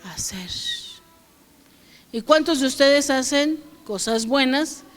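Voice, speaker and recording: Higher-pitched woman pastor preaching. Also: unhurried. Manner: preaching with questions to the congregation, dynamic. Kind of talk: sermon.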